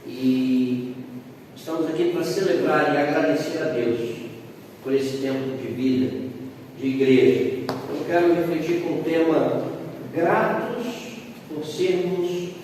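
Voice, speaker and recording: A man preaching a slow sermon in church, rising in pitch when reading scripture aloud. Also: a little mellow, a little hiss or hum. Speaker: pastor. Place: church hall. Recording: roomy church hall, distant mic.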